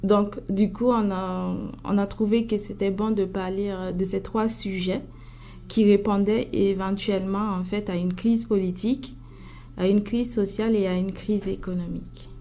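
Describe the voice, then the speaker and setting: A young woman, a student organizer, answering radio interview questions haltingly with many fillers. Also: mid-range voice, fairly even intonation, warm tone. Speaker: student event organizer, guest.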